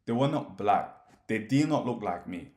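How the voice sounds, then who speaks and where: A Somali man whose first language is Somali gives a direct-address monologue as a commentator, pushing his points with emphasis in a questioning, challenging way. His voice is lowish, animated and a little mellow, at normal speed. The recording echoes.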